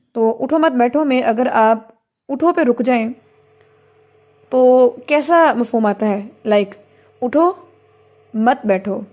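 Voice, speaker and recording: High-voiced woman teaching patiently. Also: a little mellow. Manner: patient, explanatory, mixes English terms into speech; stresses key words and asks students questions. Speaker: Quran recitation teacher. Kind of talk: lecture to students.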